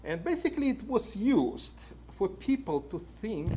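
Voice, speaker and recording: Speaking a little slowly in a high-sitting, very animated voice with a dark tone, a man in his fifties with a Russian accent gives a conference talk at a podium indoors. He leans on many "uh" fillers and puts questions to the audience. The room camera records from a distance, with slight background noise.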